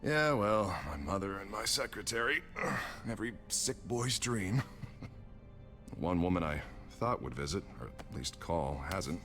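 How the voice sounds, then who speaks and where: An actor playing Harvey Dent, a wry, bitter young politician in a hospital bed, in a video game. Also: male voice, deep voice, expressive, unhurried, a bit bright, soft background music, exaggerated voice. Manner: sardonic.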